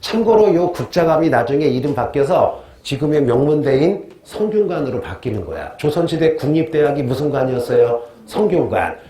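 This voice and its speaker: A man teaching a history lecture in a lively, joking way, constantly quizzing his students. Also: a little high, brisk, hardly any pauses. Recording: echoey room, faint noise.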